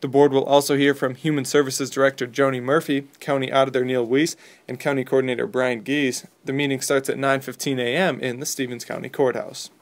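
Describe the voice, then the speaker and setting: A man's voice: medium pitch, level tone, a little fast. American man reading local news. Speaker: local radio news reader.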